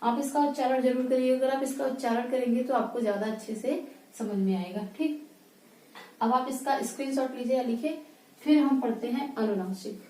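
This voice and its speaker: A woman teaching Hindi grammar at a whiteboard, speaking slowly and repeating words as she writes them. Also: high voice, a little mellow, echoey room, far from the mic, poor audio. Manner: slow, repeats words while writing.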